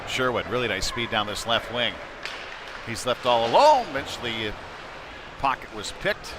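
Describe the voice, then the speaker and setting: Calling live hockey play-by-play from an indoor rink, a man speaks conversationally but gets excitable on big plays. His voice is mid-range and his speed normal, with clear arena noise and knocks in the background.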